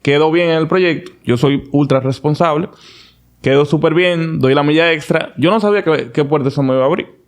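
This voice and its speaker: A man sits as a podcast guest and tells his story in a loose, conversational way. His voice sits a little higher than most men's. He speaks with animated confidence and often restarts his sentences. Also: brisk. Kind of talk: casual storytelling interview.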